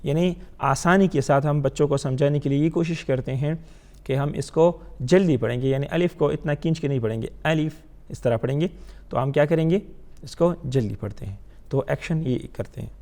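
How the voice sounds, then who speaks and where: A man teaching Quran reading, who slowly draws out each letter and then chants the syllables loudly, and often clears his throat. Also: a little high. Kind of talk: slow spelled-out teaching drill.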